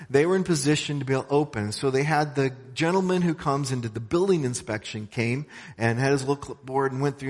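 Man speaking in a reverberant church. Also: on the high side. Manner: storytelling, conversational, with asides to the audience. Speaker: missions organization representative speaking at a church. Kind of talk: church talk. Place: church sanctuary. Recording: long hall reverb.

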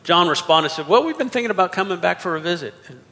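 Bright-voiced pastor in a reverberant hall. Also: male voice, high voice, expressive, quick pace. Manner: conversational, with frequent restarts. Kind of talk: sermon. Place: church sanctuary.

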